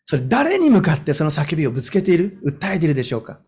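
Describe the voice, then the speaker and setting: A man's voice: fairly high pitch, big pitch swings, fast talker, a little mellow, breathy edge. A man in his fifties preaching a sermon as a pastor, stressing points with rhetorical questions and then easing into a personal story. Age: 50s.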